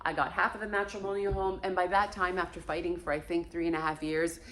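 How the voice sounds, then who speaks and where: Low-voiced lady in her 50s born in portugal, just talking straight to camera at home, swears a bit. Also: little pitch movement, fast, a bit bright, a little hiss or hum. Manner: frank and emphatic, swears casually. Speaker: vlogger. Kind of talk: candid personal monologue.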